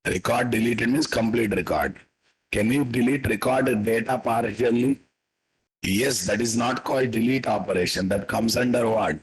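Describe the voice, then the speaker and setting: A man with a Telugu-influenced Indian accent and a husky voice, teaching a live coding lesson as an instructor, repeating his statements and quizzing listeners with tag questions. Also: mid-range voice, moderate pace, low-quality recording. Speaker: programming instructor.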